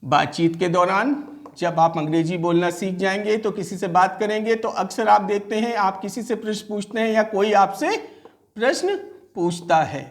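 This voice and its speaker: A man teaching a grammar lesson. He explains step by step, asks his own questions and answers them, and stretches out key terms. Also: high voice. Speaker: English teacher.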